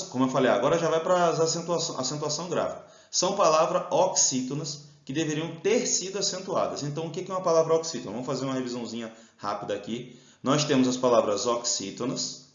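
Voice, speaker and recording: Brazilian male teacher in a roomy room. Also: fairly high pitch. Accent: Brazilian Portuguese. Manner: explains step by step, drawn-out stressed syllables. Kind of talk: exam-prep grammar lesson. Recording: roomy, slightly dull sound.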